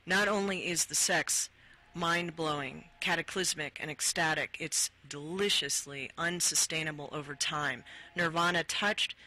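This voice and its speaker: A woman author, interviewed as a guest, who reads from her own book in a slow, deliberate way. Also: sits low, sharp tone, low-quality recording. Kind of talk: interview and reading from her memoir.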